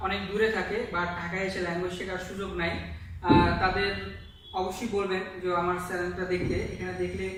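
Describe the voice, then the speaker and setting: A language teacher, drilling pronunciation through slow repetition and often checking whether the class has understood. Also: mid-range voice, level tone. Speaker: Japanese teacher. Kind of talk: online language lesson. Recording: very echoey room, distant mic, faint noise.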